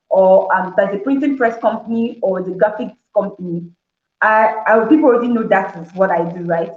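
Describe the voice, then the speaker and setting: A woman hosting a talk show, explaining in a casual, chatty way, often acting out listeners' amazed reactions and restarting her words. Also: on the high side. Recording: roomy, dull lo-fi sound.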